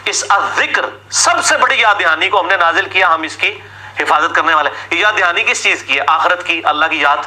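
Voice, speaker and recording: A man's voice: high voice, lively intonation, sharp tone, poor audio. A man giving an argumentative religious talk, asking sarcastic rhetorical questions and mimicking his opponents. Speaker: religious lecturer.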